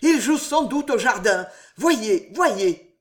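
A reader voicing an anguished male prosecutor who cries out high and loud in panic and murmurs low when stunned, in a storybook reading. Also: very animated, a little slow. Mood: frantic.

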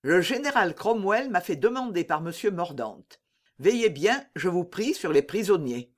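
A man's voice: big pitch swings, moderate pace. A reader voicing a bold, cunning young male musketeer in an audiobook, giving orders and crying out. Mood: courteous. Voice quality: high, shouting cries. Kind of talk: audiobook character reading.

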